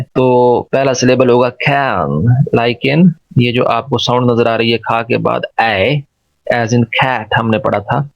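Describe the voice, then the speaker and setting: Slow, gravelly male teacher with inflection. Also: mid-range voice, dry recording. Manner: repeats words slowly and drills syllables. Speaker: English pronunciation teacher. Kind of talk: slow explanatory lesson. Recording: dull lo-fi dry recording.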